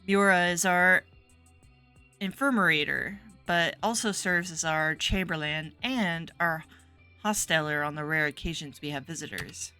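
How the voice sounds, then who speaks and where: A woman voicing a composed, formal middle-aged abbess who speaks in a measured, courteous way. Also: low-pitched, pushed and bright, smooth, soft background music.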